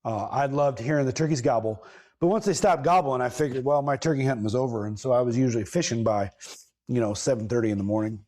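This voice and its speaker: A man, hosting a podcast and telling a long casual story, rambling and correcting himself as he goes, with lively bursts of emphasis. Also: mid-range voice, fast talker. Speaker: podcast host.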